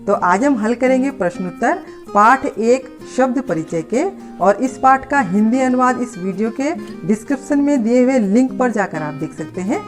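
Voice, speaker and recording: A woman teaching a lesson to schoolchildren, explaining slowly and patiently. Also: on the high side, animated, soft background music. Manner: slow, patient, addressing children. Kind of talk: scripted lesson.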